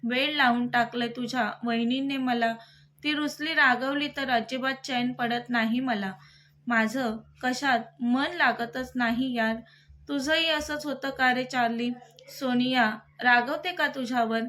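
A young husband, quick to anger but soft at heart, talking earnestly about his wife, as a woman storyteller reads him. The voice sits high and bright in her own register. It is an audiobook-style story reading. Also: fairly even intonation.

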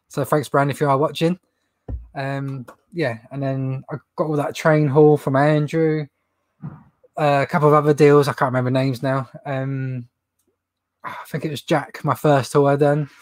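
Recorded dry, a young man with a mid-range voice and a runny nose chats his way through a laid-back livestream Q&A. He's a reseller broadcasting from an indoor stock room full of shelves, and he keeps chuckling at his own jokes as he rambles.

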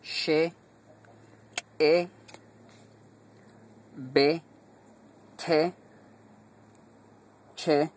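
A man's voice: on the high side, fairly even intonation, a little hiss or hum. A man teaching pronunciation, reciting single syllables one by one with short explanations. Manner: slow, deliberate drilling of single sounds with short explanations. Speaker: language teacher.

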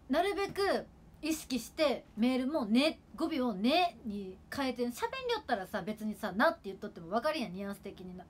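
A woman in her twenties from Kagawa, speaking in Kagawa dialect, rambling chattily during a casual livestream at home with her sister. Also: a little high. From Kagawa, Japan. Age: 20s. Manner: rambling, chatty, with frequent fillers. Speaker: idol livestreamer.

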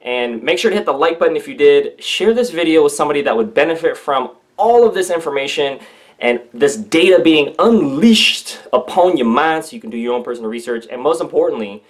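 A young man reading a letter aloud and commenting on it in a casual vlog, with lively exclamations and stumbles over his words. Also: on the high side, brisk.

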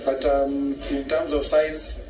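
A man from Kenya with a Kenyan accent, answering street interview questions politely and with hesitant pauses. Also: mid-range voice, little pitch movement, background noise. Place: outdoors on a busy city street. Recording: echoey, distant street recording with music.

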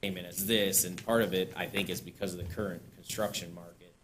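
At a town board meeting in a council chamber, a middle-aged man who serves as parks director presents casually, chuckling between points. His voice is low, steady, fast and fairly bright, with slight background noise.

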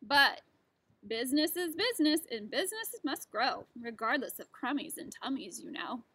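A teacher, a woman, reading a rhyming storybook aloud to children with an expressive, rhythmic delivery. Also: high-pitched, normal speed, husky, no echo.

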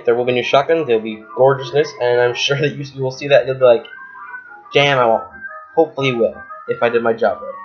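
A man's voice: medium pitch, dull audio. A young man giving a casual, rambling vlog update about his handmade replica guns, with lots of ums and little laughs. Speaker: maker selling wooden replica guns.

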